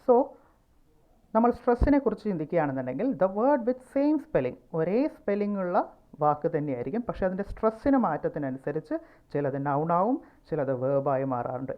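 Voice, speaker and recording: A woman with a Malayali accent teaches pronunciation at an unhurried, careful pace, her voice sitting on the lower side. She says words over and over to show where the stress falls. The recording sounds dull and lo-fi. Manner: slow and deliberate, repeating words to show stress. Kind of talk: pronunciation lesson.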